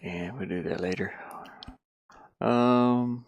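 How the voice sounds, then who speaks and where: Muttering to himself in short bits, a hobby game developer narrates his work session in casual think-aloud screen commentary. He speaks slowly in a low, gravelly, creaky voice, and the recording sounds muffled.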